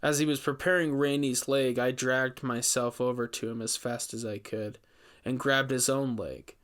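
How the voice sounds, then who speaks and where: A man narrates a scripted horror story in the first person. His middle-pitched voice is a bit bright, with fairly even intonation and a moderate pace.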